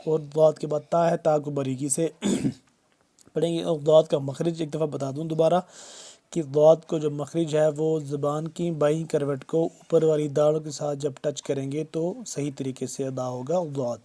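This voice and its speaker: A man teaching tajweed. He recites verses slowly and loudly, then explains each rule in a quicker, quieter voice. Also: fairly high pitch, level tone. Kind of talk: slow, word-by-word recitation lesson.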